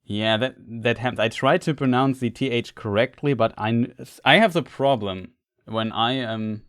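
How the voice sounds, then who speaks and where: A man's voice: medium pitch, normal speed, fairly bright tone. A man, an English speaker, chatting casually with viewers while live-streaming a game, rambling and restarting his sentences.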